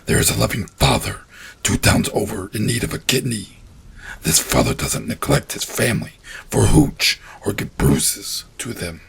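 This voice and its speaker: A man's voice: on the low side, big pitch swings, moderate pace, gravelly, a bit bright, slightly rough, pitched above the performer's own voice, exaggerated voice. A man voicing a towering, rotting male monster like an evil Santa, who speaks coldly and hisses without mercy in a horror story. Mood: thundering. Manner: cold, hissing, unmoved.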